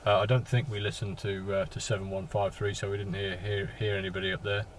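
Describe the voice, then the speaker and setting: Sitting in a parked vehicle with some noise around him, a male radio ham has a casual on-air contact, trading call signs. He talks in a flat, low way, stopping and starting and saying words over again.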